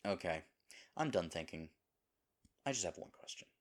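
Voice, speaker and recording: A deep, animated male voice at normal speed plays a sweet, flustered boyfriend in intimate roleplay audio. The self-deprecating character hesitates, rambles, and corrects himself, as if anxiously talking to himself.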